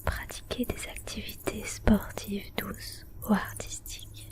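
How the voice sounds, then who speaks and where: Speaking in short, measured phrases, a woman gives instructional wellness tips in a gentle, breathy ASMR whisper.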